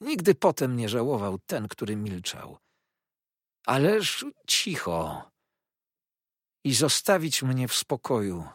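A man voicing a sneering, venomous young male clerk who hisses his words in spite, in a storybook reading, with a husky voice in a dry recording. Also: big pitch swings, takes it slowly, long pauses, dry recording. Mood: spiteful. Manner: hissing, shrill, spiteful.

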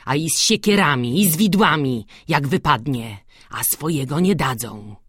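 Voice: mid-range voice, expressive, moderate pace, fairly bright tone, husky, dry recording, studio quality. A reader voicing an angry, resentful young male peasant who grumbles, in an audiobook.

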